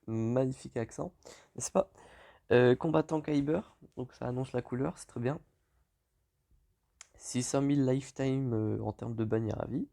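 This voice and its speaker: A man's voice: mid-range voice, normal speed, vocal fry. A man with a French accent giving casual, hesitant commentary on his game, correcting himself as he goes. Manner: relaxed, lots of hesitations and self-corrections. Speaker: gaming YouTuber.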